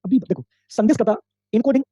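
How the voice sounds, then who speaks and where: Male teacher, very high voice, rapid patter, repeats points, dull lo-fi mic. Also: warm tone, no echo. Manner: explains step by step, repeats points, quizzes the class. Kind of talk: online exam-prep lecture. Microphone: microphone.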